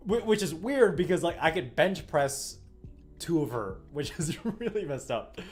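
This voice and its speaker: A man's voice: a little high, lively intonation, measured pace, a little mellow. Rambling thirty-year-old man chatting on stream. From Illinois, US Midwest. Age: 30s. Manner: rambling, laughs often, many fillers. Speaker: livestreamer. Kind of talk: casual livestream chat. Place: home room while stringing rackets. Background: faint music.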